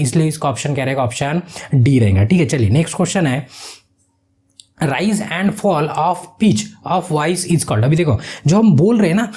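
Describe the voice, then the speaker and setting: High-pitched man explaining quiz answers. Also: dark tone. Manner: repeats questions back to the viewer, explanatory. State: sweating from heat. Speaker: online exam-prep teacher.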